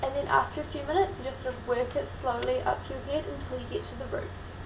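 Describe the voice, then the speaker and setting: A woman's voice: high voice, steady tone, fast. A woman with a broad New Zealand accent gives a frank, informal how-to explanation in casual vlog style. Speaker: vlogger. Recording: roomy, distant mic, clearly noisy.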